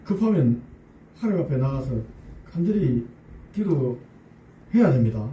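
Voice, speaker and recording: A man's voice: medium pitch, very animated, measured pace, dark tone, a little hiss or hum. A male pastor preaching a sermon, acting out pleading prayers and chuckling along with the congregation. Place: church sanctuary. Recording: roomy church sound from a distance.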